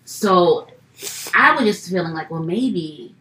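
A woman in casual chat as a podcast co-host, rambling and animated, often correcting herself. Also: fairly low pitch, slow pace, reverberant, a little hiss or hum, low-quality recording.

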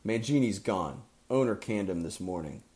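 A man's voice: fairly low pitch, animated, moderate pace, a little mellow, lightly acted. A man voicing a perturbed male team manager delivering blunt news in a curt, businesslike way.

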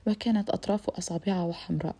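A woman narrating a literary audiobook. Her voice is dark and husky, and she reads reflectively but briskly. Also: lowish voice, fairly even intonation.

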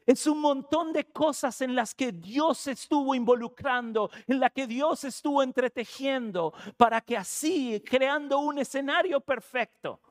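A man preaching a sermon, telling a family story in a lively, conversational way and acting out the voices of the people in it. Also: extremely high pitch. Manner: conversational, animated storytelling with laughs and quoted voices.

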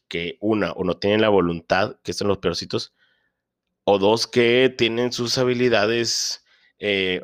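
A deep-voiced man speaks Spanish with a Mexican accent in a relaxed podcast monologue. He is a teacher and father, and he vents about his subject in a slangy, joking way, poking fun at himself along the way. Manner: slangy, joking, self-deprecating rants with asides.

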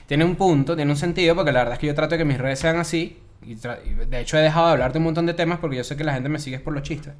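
Man, podcast host, casual joking chat, slightly high voice. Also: racing, hardly any pauses. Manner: joking, leads the topic.

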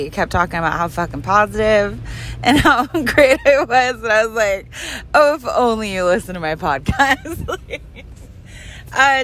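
A woman's voice: mid-range voice, fairly bright tone, slight background noise. A woman and mother hosting her own show, talking bluntly, profanely and ramblingly while she drives her car. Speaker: podcast host and mother. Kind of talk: casual driving vlog rant.

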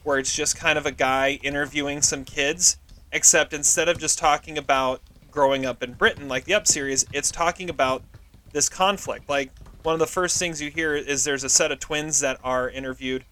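A man's voice: a little high, normal speed. A man co-hosting a podcast, telling in casual chat how he tracked down a film he reviews. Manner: relaxed storytelling, explains step by step. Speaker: podcast co-host.

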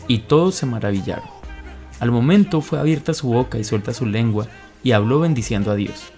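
A man's voice: mid-range voice, darkish tone. Earnest man giving a devotional talk. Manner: earnest, explanatory, with occasional fillers. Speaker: podcast host giving a Bible reflection.

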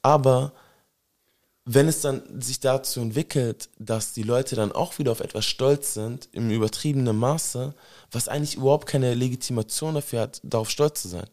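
A man's voice: medium pitch, normal speed, darkish tone. Slangy young man hosting a podcast. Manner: slangy, fills with "weißt du" and "Digga". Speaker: podcast host. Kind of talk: casual opinion chat.

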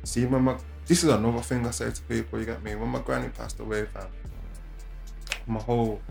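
A man's voice: mid-range voice, steady tone, fairly quick, vocal fry, a little mellow, reverberant, soft background music. A man with an urban London roadman accent chatting casually in street slang as a podcast co-host. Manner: London roadman way of talking, peppered with slang tags.

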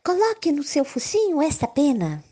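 A woman's voice: high voice, huge pitch swings, normal speed, mellow, voice pushed up. A Brazilian woman voicing small, eager animals offering cures in a children's story, in a cute, emphatic way. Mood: eager, helpful. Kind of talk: children's storybook character voices.

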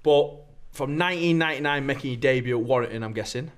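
A man's voice: mid-range voice, fast, clean tone. A man, hosting a sports podcast and teasing his guest while he leads the questions. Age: 20s. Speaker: podcast host. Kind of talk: casual chat.

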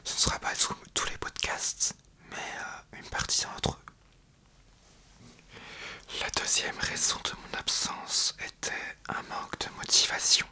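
A young man hosting an ASMR podcast in a breathy, hesitant whisper, speaking right into the listener's ear. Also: a little slow, sharp tone. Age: young adult. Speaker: podcast host.

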